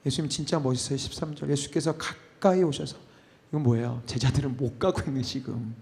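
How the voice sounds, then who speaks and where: A male pastor preaching a sermon, swinging between loud, emotional exclamations and hushed, near-whispered lines. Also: medium pitch, fairly even intonation, a little fast, vocal fry. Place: church worship space.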